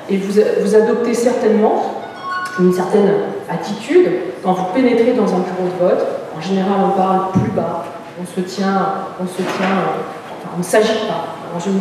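A woman's voice: medium pitch, warm tone. A woman delivers a scholarly lecture, her voice heard from a distance in a large, strongly echoing hall. She hesitates often, filling gaps with small sounds and restarting her phrases as she thinks. A faint hiss sits under the room's long reverb. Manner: hesitant, many fillers and restarts. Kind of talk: academic conference talk. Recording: echoey hall, distant mic.

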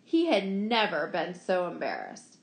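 A woman narrating a short story in a steady, expressive storytelling manner. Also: lowish voice, a little slow, vocal fry. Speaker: story reader. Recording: roomy echo.

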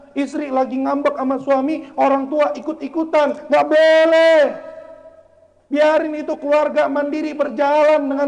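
A man preaching a sermon in a lively way, with soft asides and loud exhortations. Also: very high-pitched.

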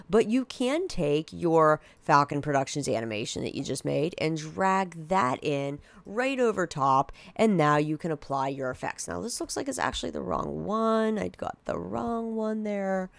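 A woman teacher talking students through a software task in a casual, direct classroom manner. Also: low-pitched, no echo. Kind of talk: screen-recorded software tutorial.

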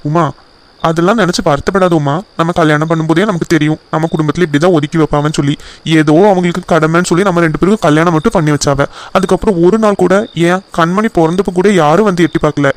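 A man voicing a caring young husband in a cartoon who gently reassures his wife. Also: a little high, steady tone, fast, close to an everyday voice. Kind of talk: cartoon voice acting.

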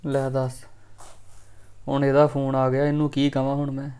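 A man's voice: mid-range voice, completely flat delivery, moderate pace, mellow, clean tone, lightly acted. An actor playing an injured, bedridden young man, weary and placating. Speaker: injured son.

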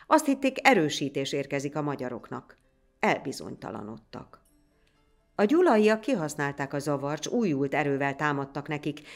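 A woman narrating a folk tale in a lively, dramatic reading style. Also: sits low. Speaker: storyteller. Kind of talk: storybook narration.

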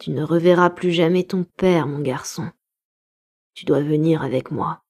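A woman's voice: low voice, unhurried, darkish tone. A woman reading a grave vengeful creature. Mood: menacing. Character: vengeful lonely male creature, grave and bitter.

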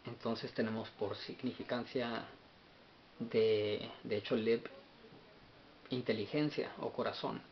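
A man's voice: mid-range voice, fairly even intonation, takes it slowly, long pauses. A man giving an unscripted Bible study lesson, often stopping and repeating words as he searches his notes. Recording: dull lo-fi sound with faint hiss.

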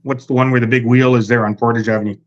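A man's voice: medium pitch, level tone, rapid-fire. Easygoing man, dull call audio. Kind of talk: casual chat. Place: home room on video call.

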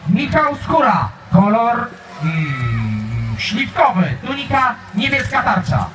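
A man announcing and refereeing a tournament to a crowd on an outdoor field, with loud, drawn-out calls into a handheld microphone. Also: sits high, huge pitch swings, music in the background. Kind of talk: live event announcing. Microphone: handheld microphone over loudspeakers, filmed from afar. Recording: distant echoey loudspeaker voice, loud crowd. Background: crowd and outdoor noise.

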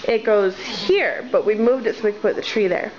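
Walking her home with a handheld camera, a vlogger in her twenties gives a casual house tour in a mid-range voice at normal speed. She chats freely, drifting into rambling asides and teasing herself about the mess. Audio from the camera mic is dull and lo-fi, with household sounds around her.

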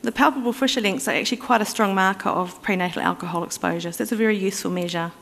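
Racing through her explanation, a woman giving a conference presentation talks conversationally, using fillers and restarting at times. Her mid-range voice sounds a bit bright. The audio, from a reverberant conference hall, has slight background noise.

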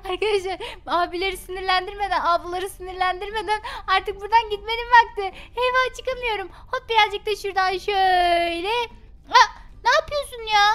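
A woman's voice: extremely high pitch, bright, forceful tone. A woman voicing a mischievous little girl in a game role-play, giggly and teasing. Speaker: Minecraft roleplay YouTuber.

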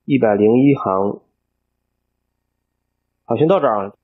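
A man teaching a coding tutorial over a screen recording, explaining each step aloud and filling pauses as he thinks. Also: on the low side, lively intonation, husky, narrow, tinny audio. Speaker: programming instructor.

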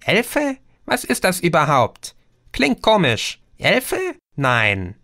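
A man's voice: fairly high pitch, huge pitch swings, takes it slowly, bright, forceful tone, dry recording, clean studio sound, voice pushed up, full character voice. A man voicing a tiny, chatty female alien sprite in a read-aloud storybook. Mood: puzzled.

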